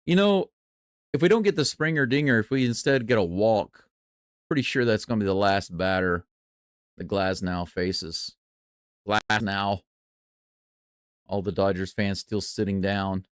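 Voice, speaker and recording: A man doing live baseball play-by-play and reaction in a chatty, excitable way. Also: fairly low pitch, a little slow, pauses often, smooth, no echo, studio quality. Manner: excitable, chatty, jumps from calm to loud cheering. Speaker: play-by-play streamer.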